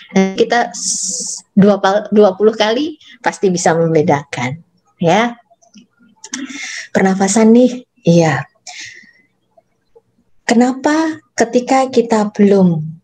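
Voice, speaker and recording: Soft-voiced woman teaching public speaking. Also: a little high. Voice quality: soft, gentle voice. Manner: chatty, addresses audience as Bapak Ibu; demonstrates phrasing by reading aloud. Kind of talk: online workshop lecture.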